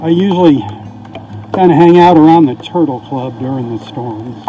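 A man's voice: on the high side, moderate pace, dark tone, faint music behind. A man giving a casual, folksy beach report outdoors in the rain, his voice tinny and muffled because the camera sits in a weatherproof housing. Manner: easygoing and folksy, signs off with blessings. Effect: tinny, muffled audio from a camera in a weatherproof housing. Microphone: camera mic inside a weatherproof housing.

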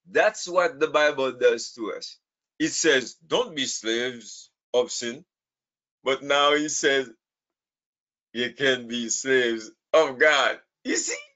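Animated man teaching a Bible class. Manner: lively, animated, laughs often, rises to emphatic high bursts. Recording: dull lo-fi recording.

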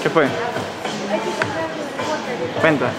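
A man's voice: extremely slow, loud music behind the voice. A man filming his friend, answering in short, teasing remarks. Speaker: camera operator friend. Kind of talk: casual banter.

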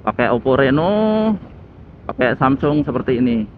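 A man's voice: medium pitch, very animated, moderate pace. A man chatting casually as he rides a motorbike through city traffic, recorded on a phone with a headset mic. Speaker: motovlogger. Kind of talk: casual motovlog commentary while riding. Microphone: phone with a homemade headset mic. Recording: tinny phone-like audio with faint road noise. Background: traffic and engine noise.

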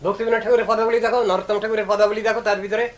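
A man's voice: high-pitched, level tone, very fast, poor audio. A man giving a devotional discourse as a Vaishnava preacher, emphatic and stern, posing rhetorical questions.

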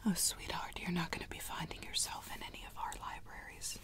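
A young woman playing a rude, condescending librarian in a whispered role-play, speaking in a breathy, curt, hushed whisper. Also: a little fast, close to an everyday voice. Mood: condescending, impatient.

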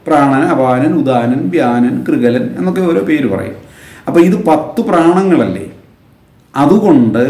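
A man giving a religious lecture on a Sanskrit hymn, patiently explaining with everyday examples and slowly drawing out the sacred names. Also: fairly high pitch, mellow, roomy sound. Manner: slow, drawn-out chanting of sacred names.

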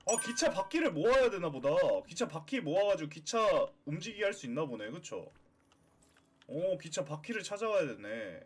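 A high-pitched male streamer with a very lively, bouncing voice. He chats playfully with his viewers while he plays and often breaks into excited cheers. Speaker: VTuber game streamer. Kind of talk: live game stream chat.

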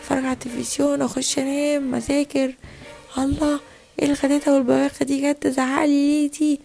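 Defiant young Egyptian boy, sulky, quick, woman voicing. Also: high-pitched, little pitch movement, creaky, mellow. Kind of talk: toy play voice acting.

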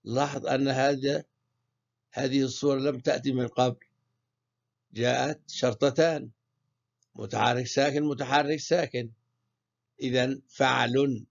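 A male teacher with a Palestinian accent giving a poetry meter lesson, chanting syllables slowly one by one. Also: medium pitch, fairly even intonation, creaky. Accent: Palestinian Arabic. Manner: slow, drawn-out syllable-by-syllable scansion. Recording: muffled lo-fi recording.

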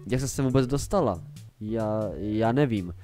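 A man's voice: lowish voice, expressive, warm tone, faint music behind, lightly acted. A man voicing a scared young adult male night guard who stammers. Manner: stammering, frightened.

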